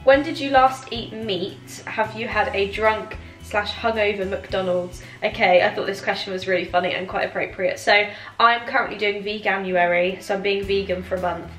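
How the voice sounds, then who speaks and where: A British woman in her twenties talks casually to her viewers with a giggly, tipsy looseness. Her mid-pitched voice sounds roomy and echoey. Music plays faintly behind her. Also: fairly even intonation, moderate pace, fairly bright tone. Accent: British English. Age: 20s. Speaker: vlogger answering viewer questions. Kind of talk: casual chatty Q&A to camera.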